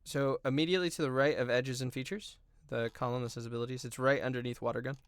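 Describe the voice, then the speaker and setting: A man of middle pitch narrates a tabletop game as its game master. His talk is loose and full of filler ums as he walks players through rules and action. The sound is dry and close. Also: steady tone, fast talker, clean tone, no echo.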